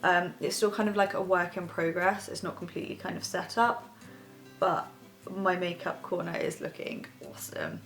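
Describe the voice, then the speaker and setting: Speaking from her bedroom bed with soft music behind her, a young woman hosting a beauty vlog does her makeup and rambles casually in a chatty get-ready-with-me tutorial. Her lowish voice holds steady at a normal pace and has a slightly bright edge.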